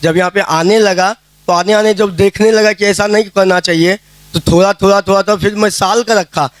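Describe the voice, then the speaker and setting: A man's voice: sits high, steady tone, moderate pace, dry recording. A man giving a casual spoken testimony at a prayer meeting, telling his story plainly and acting out the dialogue he quotes. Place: prayer hall.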